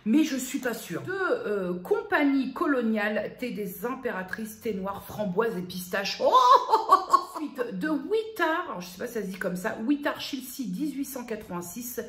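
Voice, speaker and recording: A fairly high-pitched woman talks casually in a home vlog, reading product labels aloud and stopping often with fillers. The room gives her voice a clear echo. Her delivery is relaxed and chatty. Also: moderate pace, hardly any pauses. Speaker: vlogger.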